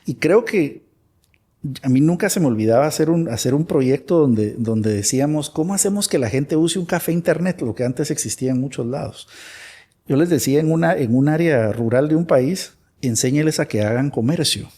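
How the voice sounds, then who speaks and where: A man's voice: on the high side, expressive, moderate pace, warm tone. A man from Guatemala, a guest expert in a conversational interview, who talks animatedly and acts out imagined dialogues.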